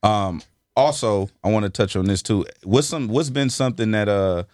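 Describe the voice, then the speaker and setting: Laid-back low-voiced DJ host. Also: male voice, normal speed, a little mellow, no room sound, clean studio sound. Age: middle-aged. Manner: laid-back, rambling questions. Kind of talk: casual interview chat.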